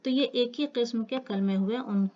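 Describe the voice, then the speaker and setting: A woman's voice: a little high, dull audio. Woman teaching a patient grammar lesson. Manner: explains slowly with repeated examples, addresses students as children.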